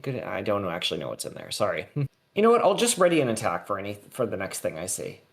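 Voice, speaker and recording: A man's voice: lowish voice, sing-song, quick pace, vocal fry. A man playing a tabletop roleplaying game, casually thinking through his moves aloud.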